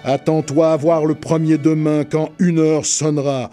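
A man's voice: fairly high pitch, little pitch movement, a little slow, mellow, faint music behind, pitched above the performer's own voice, close to an everyday voice. A man voicing an anguished, remorseful old male ghost in chains, declaiming vehemently. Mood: grave.

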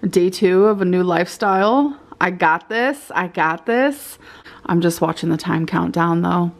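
A young adult woman chatting casually to her viewers as she vlogs indoors at home. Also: mid-range voice. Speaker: vlogger. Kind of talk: casual vlog chat. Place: indoors at home, kitchen and rooms.

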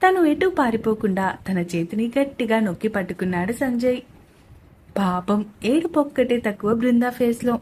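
A woman storyteller reading a romance story aloud. Her voice is rather high, and her reading is steady and even. A faint noise sits behind her. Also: moderate pace. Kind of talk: scripted story narration.

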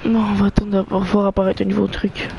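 A gamer chatting live through a game with friends, excitable, cheering teammates on and mixing in English slang and swearing. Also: mid-range voice, brisk, creaky, muffled recording, background noise.

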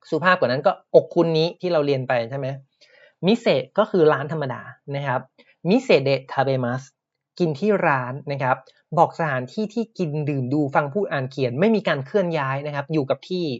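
A man teaching Japanese words in a podcast lesson, explaining patiently and repeating each word slowly. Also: fairly high pitch, lo-fi sound.

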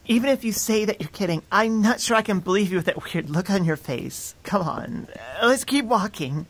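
Close to a studio mic, a woman voices a sweet, affectionate young centaur girlfriend who teases and gets flustered easily in an intimate ASMR roleplay. Her voice is medium-pitched, animated, and slightly rough, at a moderate pace, and the talk stays conversational.

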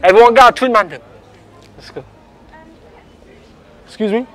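A man's voice: very high voice, a little slow, fairly bright tone, a faint crowd, a little hiss or hum, poor audio. A man in his twenties with a London roadman accent, doing brash, slangy prank banter in a casual vlog style. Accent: London, urban roadman slang style. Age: 20s. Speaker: prank vlogger. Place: large clothing store and shopping centre.

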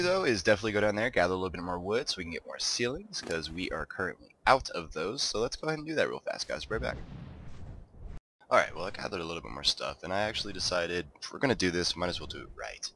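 Over slight background noise, a deep-voiced gaming video host casually comments while he plays and builds in a game. He sounds a little congested, relaxed, and chatty, talking to himself as he works.

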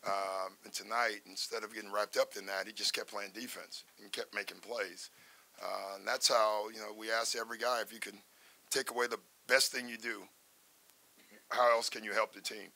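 An older man, a basketball head coach, answering reporters at a postgame press conference from a table microphone, measured and conversational with many fillers and restarts. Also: lowish voice, little pitch movement, sharp tone. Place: press room in front of a sponsor backdrop. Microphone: table microphone in front of him.

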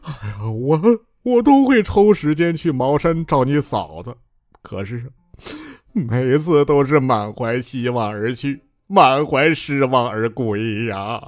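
A man's voice: lowish voice, sing-song, unhurried, no echo. A comic wuxia-storybook braggart, acted out by a man: a pompous, chubby sword master whose voice darts all over the place. He murmurs smugly at one moment and squeals in panic the next. The recording is dry and close. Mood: self-pitying. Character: pompous chubby male sword sect master, cowardly and whiny. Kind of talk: audiobook character voice.

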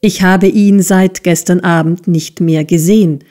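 Audiobook figure: composed young man, voiced by a woman reader, polite and firm, a bit higher than her narration. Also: measured pace, close to an everyday voice. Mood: calm firm. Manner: calm, polite, slightly offended. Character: young male assistant teacher, calm and proud. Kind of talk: audiobook character reading.

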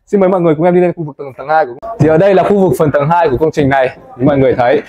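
A young man presenting a tour of a café building site, talking quickly and chattily to viewers, recorded on a lapel mic inside a large wooden building. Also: a little high, crowd noise. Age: young adult. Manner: fast, chatty, addresses viewers as "mọi người". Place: indoors in a large wooden café under construction.

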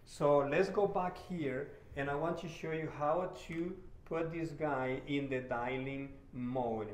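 Friendly bike mechanic. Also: male voice, fairly high pitch, slow pace, echoey room. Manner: relaxed and friendly, with many "uh" fillers. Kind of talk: hands-on repair tutorial. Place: bike shop showroom, indoors.

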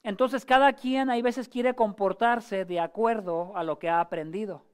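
A male pastor giving a sermon in a conversational way, asking the congregation rhetorical questions and often pausing or restarting his phrases. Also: high voice, fairly even intonation, clear, resonant tone. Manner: frequent hesitations and restarts.

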